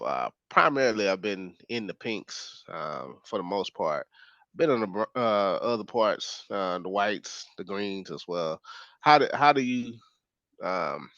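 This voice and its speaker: A man from Dallas, interviewing a local mother in a careful, halting way with lots of "uh". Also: on the low side, a bit bright, no room sound. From Dallas, Texas. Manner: careful, halting questions full of "uh". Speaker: street reporter and interviewer. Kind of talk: community interview. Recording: dull, slightly lo-fi audio.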